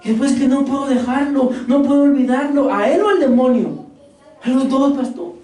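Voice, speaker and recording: A woman's voice: high-pitched, recorded from a distance. Woman preaching in an echoey church hall. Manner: animated, addresses congregation as beloved brothers, quick rhetorical questions. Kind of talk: sermon.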